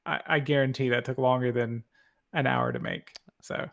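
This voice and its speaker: A man's voice: medium pitch, fairly even intonation, moderate pace, gravelly, a bit bright. A man co-hosting a design podcast, chatting casually and speaking emphatically. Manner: opinionated, emphatic about pricing. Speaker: podcast co-host. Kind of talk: casual chat.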